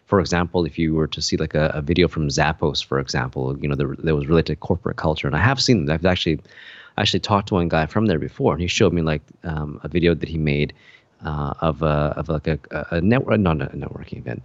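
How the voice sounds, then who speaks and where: Casting: low male podcast co-host, rambling casual talk, dry dull-sounding recording. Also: fast, no echo. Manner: rambling, many fillers and restarts. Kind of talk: casual chat.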